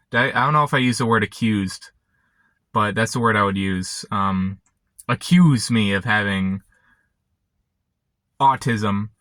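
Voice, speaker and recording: A young man chatting casually and unscripted to camera, halting and often interrupting himself as he rambles. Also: fairly low pitch, pushed and bright, no room sound. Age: young adult. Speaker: vlogger. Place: inside a parked car. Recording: background noise, vehicle ambience.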